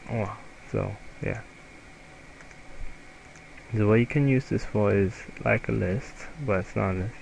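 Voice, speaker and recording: A young man with a German accent talks through a software tutorial, stopping and restarting his words as he goes. His voice is low and gravelly, and his delivery is slow. A faint background noise sits under the recording. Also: rough recording. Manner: halting, self-correcting, hesitant. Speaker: student presenter.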